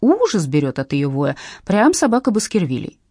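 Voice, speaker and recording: A small, gossipy old neighbour lady, as a woman narrator puts her on, her voice lifted high and chattering. The reading is dry and close, with a slightly husky edge. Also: wildly swooping pitch, moderate pace, warm tone, dry recording, exaggerated voice.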